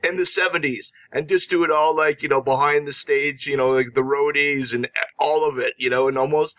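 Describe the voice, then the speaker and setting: A man's voice: a little high, steady tone, a little fast, fairly bright tone, no room sound. A man chatting enthusiastically on a film podcast, peppering his talk with "you know" and "right". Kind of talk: casual film discussion.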